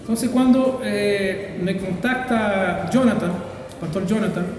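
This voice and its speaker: A pastor who grew up in Brazil, answering interview questions in a thoughtful, hesitant way with many fillers. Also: male voice, high voice, slow, very echoey, long reverb tail, recorded from a distance, low-quality recording.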